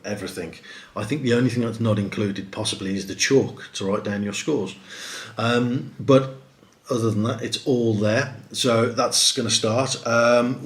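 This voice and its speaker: A middle-aged man, chatting casually on a live stream and answering comments, with lots of fillers and restarts. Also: on the low side. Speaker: host of a live stream for a prize-draw site.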